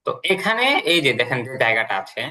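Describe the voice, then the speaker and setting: A man's voice: mid-range voice, big pitch swings, fast, sharp tone. A man teaching English vocabulary and pronunciation in an online class, explaining step by step and repeating his pointing phrases.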